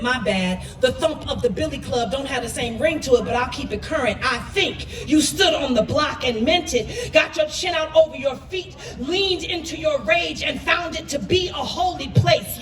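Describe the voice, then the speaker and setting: A woman with a high-pitched voice performs spoken word poetry, her delivery impassioned, emphatic and dramatic, with background noise audible. She is a poet, captured by a distant microphone in a room with a roomy echo.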